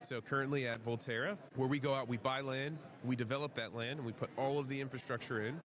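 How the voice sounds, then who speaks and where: Man, panel guest, mid pitch, thoughtful, tag questions, busy showroom floor, loud crowd noise behind. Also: fairly even intonation, fast. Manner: thoughtful, frequent "right?" tags. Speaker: guest, fleet charging developer. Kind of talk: panel discussion. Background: crowd of convention visitors.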